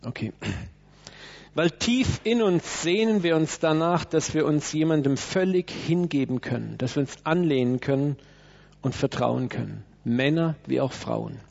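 Here a man's fairly high voice carries vocal fry and a darkish tone as he preaches at a measured pace in church. Emphatic and animated, he acts out quotes and addresses listeners with direct asides, captured on a dull, lo-fi recording.

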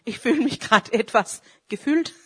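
A woman's voice: fairly high pitch, animated, moderate pace, husky. A woman preacher, giving a fervent charismatic sermon and praying aloud. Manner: fervent, swings between loud calls and quiet confession; prays aloud mid-sermon.

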